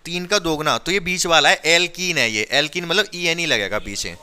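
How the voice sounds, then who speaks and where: Guy teaching chemistry in class, really bright clear voice, keeps asking if everyone gets it. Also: fairly high pitch, brisk. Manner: questioning, drills students with repeated checks. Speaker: science teacher.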